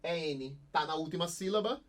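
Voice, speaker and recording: A young Brazilian man with a lively, slightly high voice gives a recorded online class, asking the students questions and answering them himself. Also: moderate pace. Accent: Brazilian Portuguese. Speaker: Portuguese teacher.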